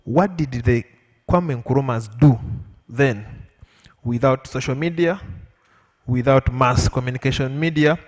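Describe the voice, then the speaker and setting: In an echoey lecture hall with lengthy reverb, a man with a Ugandan accent responds impromptu as a panelist before the audience. His delivery is measured and emphatic, with repetition, and his medium-pitched voice is slightly weakened by illness.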